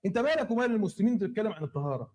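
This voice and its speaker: A man's voice: high voice, sing-song, racing, a little mellow. A man with an Egyptian accent gives angry commentary on a clip in a scornful, combative way. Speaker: commentator in a played video clip.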